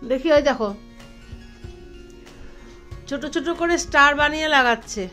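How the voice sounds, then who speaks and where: A woman's voice: high-pitched, unhurried, bright, forceful tone, soft background music. A middle-aged woman chatting affectionately while filming her family at home. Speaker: mother in a family vlog. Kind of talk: casual commentary while filming.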